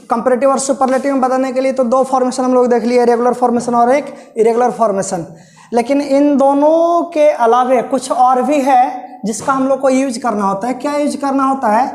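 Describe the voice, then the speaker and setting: High-pitched female teacher, patient classroom explainer, echoey room sound. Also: a little mellow. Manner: patient, repeats points, asks and answers own questions. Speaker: English teacher. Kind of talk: classroom grammar lesson.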